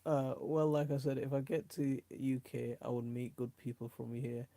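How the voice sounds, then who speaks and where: Delivery is completely flat here, at medium pitch and a moderate pace, dark in tone and without echo. The speaker, a middle-aged man from South Yorkshire with a Yorkshire English accent, hosts a live stream casually, rambling and reading comments out in a matey way.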